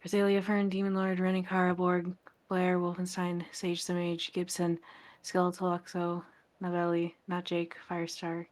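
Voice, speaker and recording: A woman's voice: lowish voice, completely flat delivery, a little mellow, dry recording. Playful woman co-host, dry mic. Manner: playful, bantering, quick reactions. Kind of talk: casual chat.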